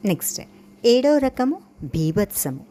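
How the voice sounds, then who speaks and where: A woman giving a dance theory lesson, explaining each term slowly and chanting a verse in a measured way. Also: medium pitch, sing-song, mellow. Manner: slow, deliberate, stretching and chanting key terms. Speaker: dance teacher.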